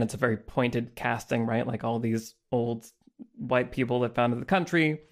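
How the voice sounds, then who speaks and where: A man with a mid-range voice guides a casual podcast conversation about films. He talks in a thoughtful, reflective way and turns to his co-hosts by name as he pulls their points together. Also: medium pitch. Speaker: podcast co-host. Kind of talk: casual film discussion.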